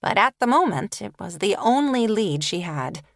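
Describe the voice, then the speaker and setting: A woman reading a novel aloud as an audiobook narrator, with expressive storytelling. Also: mid-range voice, moderate pace, dry recording, clean studio sound. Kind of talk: scripted narration.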